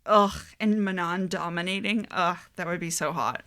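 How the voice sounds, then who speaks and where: A woman's voice: lowish voice, normal speed, a bit bright. A woman co-hosting an informal book chat, agreeable and happy to swear. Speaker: co-host of a book discussion show. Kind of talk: casual chat.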